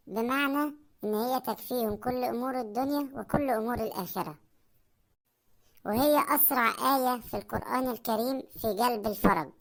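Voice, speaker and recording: Egyptian woman giving a calm soft religious tip at the end, quick pace. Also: mid-range voice. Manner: calm, earnest, soft-spoken. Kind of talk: religious advice at video's end.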